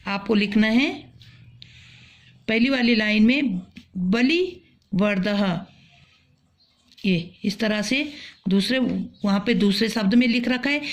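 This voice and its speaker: Woman teacher, fairly high pitch, very slow and deliberate, breaks words into single sounds and repeats them. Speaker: school teacher. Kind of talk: classroom lesson, spelling out letters.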